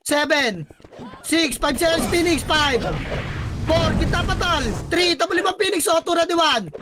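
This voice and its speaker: High-voiced man barking game calls. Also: very noisy. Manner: barking rapid commands, counting down, swearing. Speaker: squad leader calling shots. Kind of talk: live team voice chat during a shooter match.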